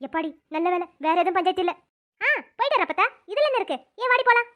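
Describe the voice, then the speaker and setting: A woman's voice: very high-pitched, lively intonation, racing, a bit bright. A woman voicing a sly younger sister in a cartoon, muttering playful asides. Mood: cheeky. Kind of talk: cartoon voice acting.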